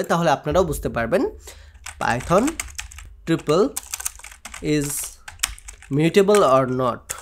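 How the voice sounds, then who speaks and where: A man from Bangladesh with a Bangladeshi Bengali accent, teaching programming in a coding tutorial. He explains step by step and mixes English technical terms into his Bengali. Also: a little high. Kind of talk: screen-share coding tutorial.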